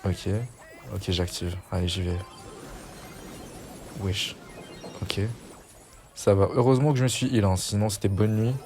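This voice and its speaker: A man's voice: on the low side, steady tone, unhurried, long pauses, a little mellow, faint music behind. A young man giving casual, chatty gameplay commentary as a gaming YouTuber, self-mocking and slangy.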